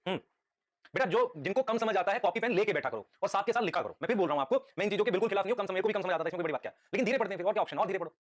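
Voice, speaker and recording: Fast-talking male teacher quizzing students. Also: high-pitched, lively intonation. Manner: quizzes students with rapid repeated questions; patient, calls students "beta". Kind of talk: live online lecture.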